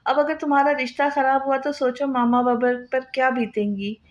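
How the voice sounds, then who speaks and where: Woman reading as a gentle young wife. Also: high-pitched, flat delivery, brisk, natural voice. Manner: soft, affectionate.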